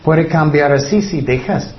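A man preaching a sermon in an earnest way, letting his voice sink low on heavy words. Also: measured pace, dull audio.

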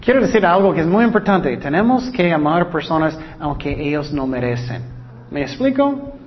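Man preaching a sermon, slightly high voice. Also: big pitch swings, big-room sound. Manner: repeats key words for emphasis; reads scripture slowly and deliberately. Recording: dull lo-fi recording.

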